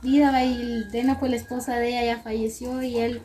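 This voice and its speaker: A woman's voice: on the high side, level tone, moderate pace, crowd noise. A young woman chatting casually as a charity host on camera in an open-air yard, recorded from a few steps away. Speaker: charity channel host delivering food aid. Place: open-air covered yard of a rural house. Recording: noisy outdoor camera audio, roosters and birds.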